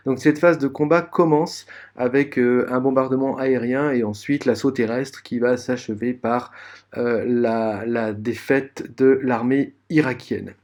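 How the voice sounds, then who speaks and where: A man's voice: medium pitch, fairly even intonation, unhurried, a little mellow. Male teacher, recorded lesson, hesitant explanatory delivery, speaks to students directly, lots of fillers. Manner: hesitant, many fillers and restarts. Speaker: history teacher.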